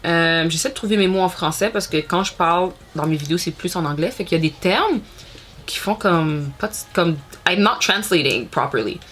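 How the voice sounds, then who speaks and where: Bright-voiced Québécoise beauty vlogger. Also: female voice, lowish voice, lively intonation, moderate pace, a little hiss or hum. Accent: Quebec French. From Montreal, Canada. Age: 30s. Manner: chatty, mixes French and English, lots of fillers. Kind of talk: casual get-ready-with-me chat.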